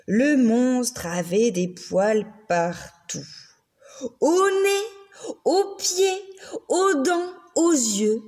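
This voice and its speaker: A woman reading a children's picture book aloud, slow and very expressive. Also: sits high. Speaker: children's story reader.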